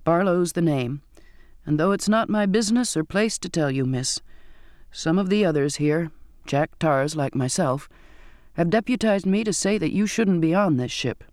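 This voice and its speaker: A man's voice: fairly high pitch, moderate pace, a little mellow, dry recording, studio quality, lightly acted. A man reading aloud voices a decrepit, cringing old sailor who murmurs deferentially and calls his listener "miss.". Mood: cringing warning.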